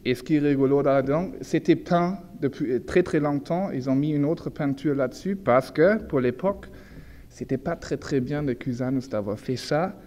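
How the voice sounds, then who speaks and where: A man's voice: fairly high pitch, a little mellow. Echoey hall, man lecturing in German-accented French. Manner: halting, searching for words, self-correcting. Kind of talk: informal illustrated lecture. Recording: echoey hall with long reverb, background noise.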